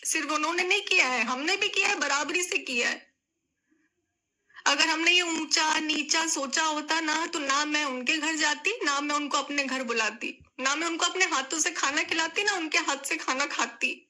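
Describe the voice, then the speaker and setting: Speaking directly to her viewers, a young woman vlogger delivers an emotional statement to camera, tearful and pleading, repeating phrases as her voice cracks. Her voice sits high, pushed and bright, at a normal speed.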